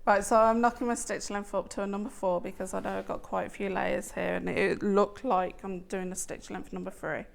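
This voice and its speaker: A woman's voice: medium pitch, flat delivery, brisk, vocal fry, few pauses. A woman in her forties presenting a sewing show, chatting casually and laughing often while she demonstrates. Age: 40s. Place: TV shopping studio.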